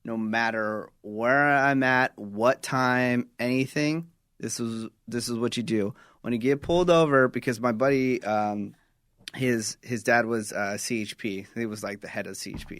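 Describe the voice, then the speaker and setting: A man in the co-host's chair talks in an easy, relaxed way at a middle pitch. He lays out his advice one step at a time, like a radio DJ talking to a friend. His voice sounds dry and close to the mic. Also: a little slow, dry recording. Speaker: radio DJ, co-host. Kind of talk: casual chat.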